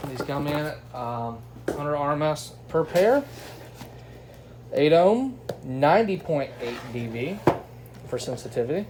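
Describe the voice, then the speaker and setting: This man's voice sits a little high and sounds animated, though he's unhurried and leaves long pauses. He's doing an informal, excited unboxing and testing review of a product, with clear background noise audible.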